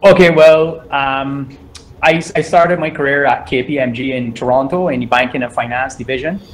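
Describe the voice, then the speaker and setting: A middle-aged man answers interview questions at a measured pace, stopping to repeat words as he thinks. His voice sits at an ordinary middle pitch. A faint hum of noise runs under the recording. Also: rough recording. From Barbados. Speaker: guest entrepreneur.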